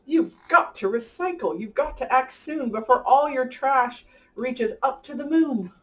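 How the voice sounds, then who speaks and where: A woman's voice: high voice, measured pace, voice pushed up. A woman reads as an earnest caped boy hero from a children's storybook, urgent and rallying. The voice sits a little away from the microphone. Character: earnest green-caped boy superhero of recycling. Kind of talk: children's storybook read-aloud. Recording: distant from the mic.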